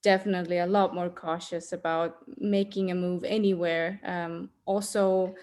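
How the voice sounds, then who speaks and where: A woman's voice: fairly low pitch, level tone, normal speed, darkish tone. A woman in her thirties from Estonia, a podcast guest speaking candidly and reflectively, with many ums. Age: 30s. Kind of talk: podcast interview.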